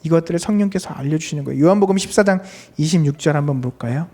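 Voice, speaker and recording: A man preaching a sermon to a young adults' service, asking the congregation questions and reading scripture aloud, swinging between fervent raised prayer and soft low speech. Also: rapid-fire. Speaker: pastor.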